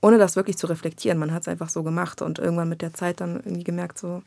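Candid young Berlin woman with gravelly voice. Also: fairly low pitch, quick pace, no room sound, clean studio sound. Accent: Berlin German. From Berlin, Germany. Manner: candid, reflective, slangy, quotes others in lively voices. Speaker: children's book and screenwriter, interview guest. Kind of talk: casual conversational interview.

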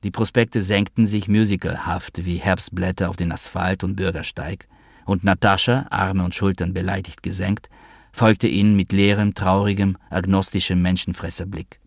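A man narrating an audiobook in a measured, dry storytelling manner. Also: sits low, gravelly, dry recording.

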